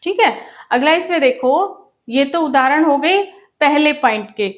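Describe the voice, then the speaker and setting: A woman teacher with a high, lively voice gives a grammar lesson, going through examples step by step. She speaks slowly, asking her students questions, repeating them, and then answering them herself.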